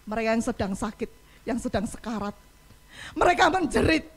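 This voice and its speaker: A woman's voice: on the high side, lively intonation, fairly quick. A woman pastor preaching a passionate sermon in church, acting out pleading cries for help. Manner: impassioned, acts out cries for help.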